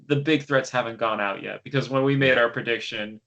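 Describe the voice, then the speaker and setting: A man's voice: medium pitch, fairly quick, a bit bright, dull audio. A young man co-hosting a podcast, chatting casually about a TV show with lots of fillers and restarts. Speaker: podcast co-host. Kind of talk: casual chat.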